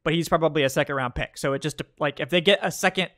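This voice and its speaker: A man's voice: fairly high pitch, fast, a bit bright, dry recording. Casual, dry-voiced man breaking down football. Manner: conversational, frequent fillers and restarts. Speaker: podcast host. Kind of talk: casual football analysis monologue.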